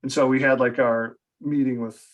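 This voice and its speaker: A man's voice: mid-range voice, steady tone, moderate pace. American guy on a podcast, chatty, pokes fun at himself, laughs a lot, medium voice. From United States. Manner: chatty, self-deprecating, laughs often. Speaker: podcast guest, author. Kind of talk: casual interview chat.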